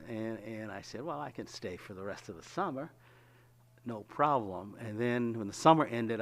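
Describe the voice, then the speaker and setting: An older man giving a reflective storytelling talk, with wry laughs and frequent hesitations. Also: medium pitch. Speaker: lecturer.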